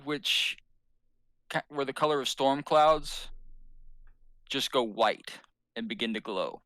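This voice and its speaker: A man's voice: medium pitch, slow, pushed and bright, dry recording. A man narrating as game master in a tabletop game, rambling and hesitant with fillers.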